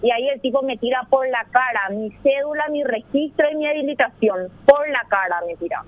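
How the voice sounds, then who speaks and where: A woman's voice: sits high, a little fast. A woman, a guest calling in by phone, retelling an encounter in an agitated rush full of restarts. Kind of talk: phone interview retelling an incident. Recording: tinny phone line, dry.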